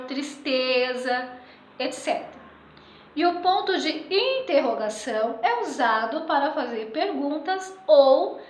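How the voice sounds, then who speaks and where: A woman teaching a remote school lesson, patiently checking in with her pupils and reading example sentences aloud with lively expression. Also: sits high, echoey room, poor audio. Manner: patient, checks in often with "tudo bem?". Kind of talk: remote school lesson going through exercises.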